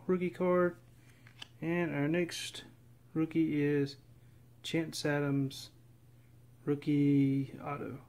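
A man casually narrating as he opens packs of trading cards, reading off names in a steady, relaxed list. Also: fairly high pitch, vocal fry. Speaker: card collector opening packs. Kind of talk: casual running commentary. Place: indoors at a table.

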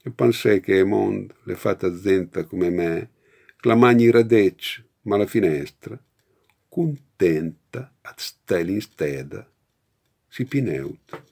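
A man in his sixties with a Romagnol accent and a gravelly, husky voice, reciting poetry in Italian dialect. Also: on the low side, animated, takes it slowly, a little mellow. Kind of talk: poetry reading. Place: book-lined study, indoors.

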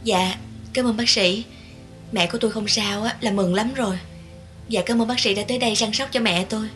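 An actress playing a caring young married woman who gently coaxes her mother-in-law. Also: fairly high pitch, steady tone, fairly quick, faint music behind, natural voice. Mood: grateful. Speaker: daughter-in-law. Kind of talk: TV drama acting.

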